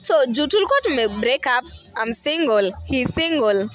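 A woman's voice: high-pitched, sing-song, moderate pace, a bit bright, soft background music. A woman in her twenties with a Kenyan accent, talking into a handheld mic in an insistent, defiant way during an outdoor interview. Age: 20s. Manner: defiant, insistent, repeats herself. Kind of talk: emotional street interview.

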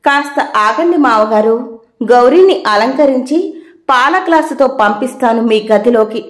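A woman voicing a caring but quick-tempered housewife who scolds and questions sharply. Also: fairly high pitch, lively intonation, reverberant. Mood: scolding.

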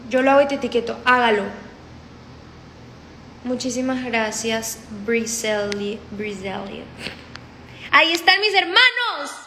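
A paisa-accented Colombian woman in her twenties chats on a phone livestream from an indoor room, reading comments, repeating things and mixing in English with the phone held close. Her fairly high voice is expressive, pushed and bright, at a measured pace with long pauses. The sound is roomy, with a little hiss or hum.

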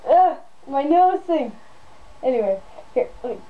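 A woman's voice: high voice, highs cut off. A woman vlogging at home, speaking through a costume head, chatty and giggly with her brother. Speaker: vlogger showing homemade costumes. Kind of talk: casual home video chat. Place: indoors at home. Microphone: camera set down nearby.

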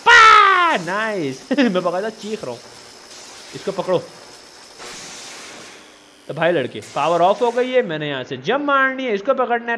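A man's voice: high-pitched, slight background noise. Guy doing lets-play commentary, voice swings all over, keeps ribbing his character. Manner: teasing, excitable, scolds the game character. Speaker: gamer. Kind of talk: casual let's-play commentary.

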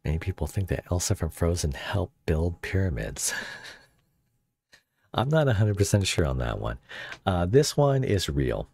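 A man talks through a voice changer that drags his voice extremely low and gives it a gravelly, husky grain. He rambles and jokes as he streams, often breaking off mid-thought. The sound is close and dry. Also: sing-song, a little slow, darkish tone. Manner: rambling, joking, self-interrupting. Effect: voice changer pitching the voice very deep. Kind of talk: casual livestream chat.

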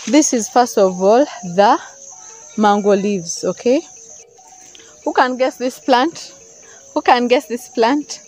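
Holding a phone camera, often at arm's length, a young adult vlogger walks through a rural field and chats about the plants she shows viewers. Her voice is a little high and a little mellow, expressive and slow with frequent pauses, and the recording quality is low.

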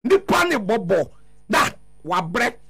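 A man's voice: high-pitched, big pitch swings, slow, vocal fry, sharp tone, breathy edge. A middle-aged Ghanaian man giving emphatic political commentary as a studio radio guest, repeating words for effect. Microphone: studio broadcast microphone.

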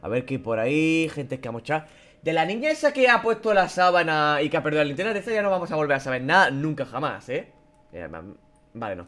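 A young gaming YouTuber from Spain, with a Spain Spanish accent, commentates a horror game while playing. His voice is on the high side, a bit bright and fast, with big pitch swings. He swears and yelps at the scares, then drops into mutters between them.

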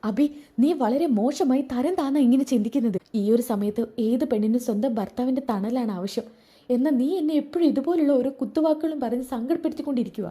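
A woman's voice: sits high, brisk, dark tone, lightly acted. A woman voicing a pregnant young wife who answers her husband with hurt reproach. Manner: reproachful, pleading.

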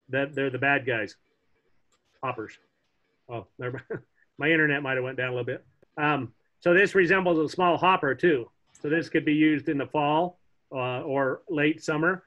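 A middle-aged man teaching a casual online fly fishing class from home, chatty and relaxed, joking with the kids as he shows flies on a webcam. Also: on the high side. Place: home room, indoors. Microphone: laptop webcam on a video call. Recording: dull lo-fi video call audio.

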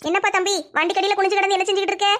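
A woman's voice: extremely high pitch, little pitch movement, racing, fairly bright tone. A woman voicing a stern, protective middle-aged village mother, lecturing and scolding.

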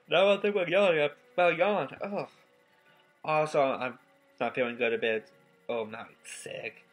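A tired nineteen-year-old man rambles through a casual gaming vlog, his bright, forward voice stopping and restarting mid-thought. He yawns his way through it while a game soundtrack plays faintly underneath. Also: mid-range voice, poor audio. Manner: rambling, halting, many restarts and fillers. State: tired and yawning. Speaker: gaming YouTuber.

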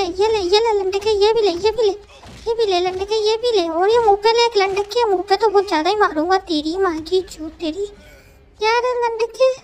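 A brash gangster don who never stops cursing and taunting. The voice is pushed into a sped-up chipmunk squeak, very high. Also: male voice, a little hiss or hum. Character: swaggering foul-mouthed young male gangster don. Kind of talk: comic abusive game dub.

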